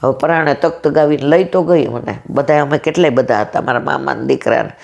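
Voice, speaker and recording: A woman's voice: very deep voice, brisk, gravelly, darkish tone, lo-fi sound. A woman in her sixties giving a devotional talk at a satsang, telling a story and acting out each person's lines. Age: 60s. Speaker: satsang speaker.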